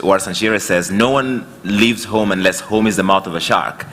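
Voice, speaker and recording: A man's voice: sits low, bright, forceful tone, slight background noise. A man moderating a panel, talking in a conversational way with casual fillers. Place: conference hall.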